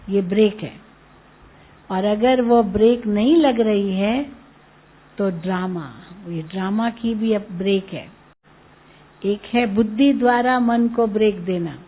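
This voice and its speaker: A woman spiritual teacher giving a slow, gentle talk into a microphone, repeating key words and telling everyday anecdotes. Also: mid-range voice. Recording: tinny narrow-band recording.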